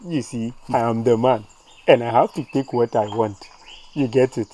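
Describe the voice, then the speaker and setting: A man's voice: mid-range voice, normal speed, a little hiss or hum, natural voice, poor audio. A man playing a boastful, womanizing teacher in a youth drama, swaggering and laughing. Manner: laughing, swaggering, loud exclamations. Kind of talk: low-budget youth drama acting.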